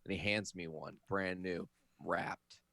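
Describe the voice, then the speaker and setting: A man's voice: low-pitched, takes it slowly, creaky, no echo, clean studio sound. A man co-hosting a podcast who tells a childhood story casually, swearing now and then. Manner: relaxed, swears casually, acts out quotes. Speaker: podcast co-host, parent.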